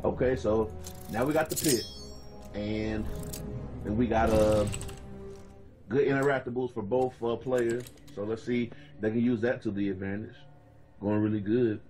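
A man giving excited live fighting game commentary in a slangy, exclaiming manner. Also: on the low side, normal speed, pauses often. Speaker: esports tournament commentator. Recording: loud game music behind voice. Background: loud game music.

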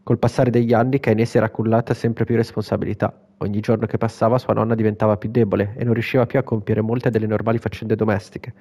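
Flat-voiced Italian man reading a story. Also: fairly low pitch, quick pace, few pauses. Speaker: gamer reading game text. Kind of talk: reading game story aloud, like a podcast.

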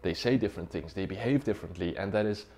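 A young man who speaks Dutch and runs a language-learning YouTube channel talks directly to the camera from a small, dim room. His fairly low voice is soft and mellow, and he explains things at a quick pace in a relaxed, chatty way. He keeps checking in with the listener, tossing in "right?" and "okay?"

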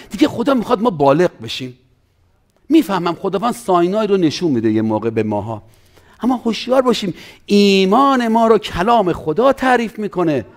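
Man, pastor, lively sermon, high voice, acts out quotes. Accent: Persian. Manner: animated preaching with acted-out quotes.

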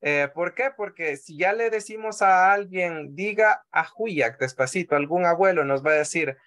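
Here a high-pitched, fairly bright voice belongs to a man with a Salvadoran Spanish accent teaching a language class by video call. Patient throughout, he repeats words slowly and keeps checking in with his students.

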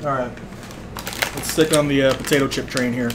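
A man's voice: medium pitch, steady tone, a little fast. A young man from England co-hosting a casual snack-tasting chat, laid-back, reading labels aloud and chuckling often. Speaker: co-host. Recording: noisy home stream recording.

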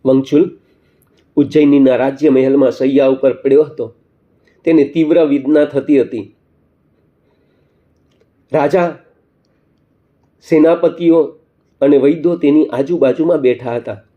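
A man narrating a religious story in a measured, deliberate way. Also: medium pitch, fairly even intonation. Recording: slightly muffled recording.

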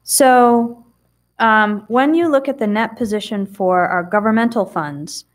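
Picked up on a table mic in a council chamber, a middle-aged woman with a slightly high voice goes over audit numbers for the town council a little slowly. She's chatty and explanatory, restarting often and saying um frequently.

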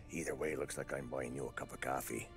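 Deep-voiced 1930s cop in a game, needling and slangy, loud music behind. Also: male voice, steady tone, brisk. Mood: wry, needling. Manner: needling, tough-talking street slang. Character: gruff 1930s male police detective interrogating. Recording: game audio with loud score.

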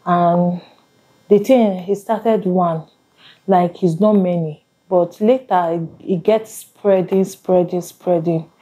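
A young vlogger mother talks casually to camera indoors at home, her voice fairly low, steady, slow and warm with a breathy edge. She rambles, restarts, and drops pidgin asides, and the audio quality is poor.

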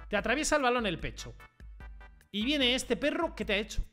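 A man giving excitable gameplay commentary from his bedroom at home, with loud outbursts, swearing and repeated catchphrases. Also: very high voice, brisk, faint music behind. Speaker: gaming streamer.

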